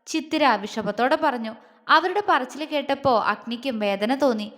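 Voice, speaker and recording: Woman, story narration, high-pitched, reverberant. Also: lively intonation, normal speed, a bit bright. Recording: long reverb.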